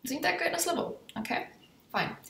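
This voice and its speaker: A woman's voice: very high-pitched, expressive, gravelly, a bit bright, distant mic. Chatty woman teacher in an echoey room. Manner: chatty, checks in with "ok?" and "jo?". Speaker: English teacher. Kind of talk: explanatory language lesson.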